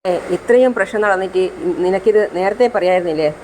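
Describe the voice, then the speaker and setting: A storyteller voicing a calm man reassuring a child and speaking politely to the police. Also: mid-range voice, fast talker, a little hiss or hum, lightly acted, rough recording.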